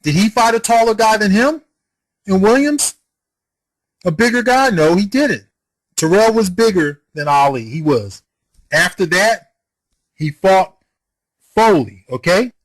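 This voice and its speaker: High-voiced man in a heated rant. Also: animated, unhurried, long pauses, rough recording. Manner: argumentative, fires rhetorical questions; swears and scolds the viewer. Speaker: boxing commentator.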